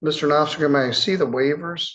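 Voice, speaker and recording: A man presiding as a judge in a courtroom, speaking in a measured, plainspoken way with casual asides. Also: a little high, muffled recording, noisy background. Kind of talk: courtroom proceedings.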